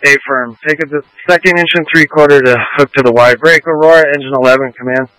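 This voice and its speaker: Man, fire incident commander, two-way radio, terse orders, forceful, dry sound. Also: fairly high pitch, fairly even intonation, fast, smooth, no echo, rough recording. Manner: terse, directive.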